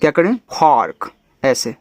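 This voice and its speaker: A man teaching an English reading lesson, who spells out each letter slowly and then says the whole word lower and softer, checking in with his students. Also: very animated, no echo. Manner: coaxing, checks in with "ठीक है?". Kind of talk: step-by-step phonics lesson.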